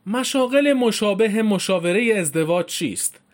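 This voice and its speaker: A man's voice: high-pitched, lively intonation. A man reading a formal informational script as a narrator, with casual spoken word endings.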